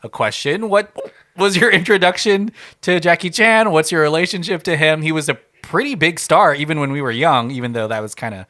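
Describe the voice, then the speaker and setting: A man's voice: fairly high pitch, fairly quick. A man hosting a casual podcast chat, laughing often and talking through a case of hiccups. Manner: laughs often, animated and self-deprecating. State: has hiccups. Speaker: podcast host.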